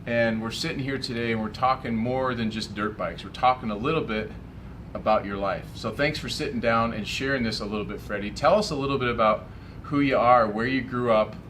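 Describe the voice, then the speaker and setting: A man's voice: mid-range voice, brisk, a bit bright, slight background noise. A man interviewing a guest, encouraging him to tell his story in a casual, leading way. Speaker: chaplin interviewer.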